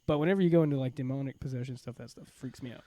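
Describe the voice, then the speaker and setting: A man's voice: medium pitch, racing, warm tone. A man co-hosting a podcast in casual chat, laid-back, peppering talk with dude and bro and swearing. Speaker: podcast co-host.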